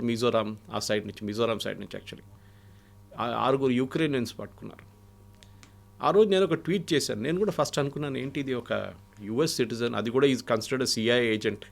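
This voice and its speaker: A guest commentator and analyst with an Indian accent offers political analysis and anecdotes in an interview, mixing Telugu and English phrases. His voice is medium-pitched and gravelly.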